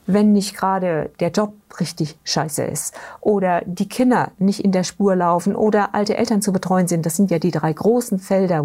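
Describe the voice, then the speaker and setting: A woman's voice: fairly low pitch, warm tone, slightly rough. A middle-aged woman, a therapy practitioner, explaining her ideas through stories in an interview. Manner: explains with anecdotes, asks listener questions. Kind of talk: conversational storytelling in an interview.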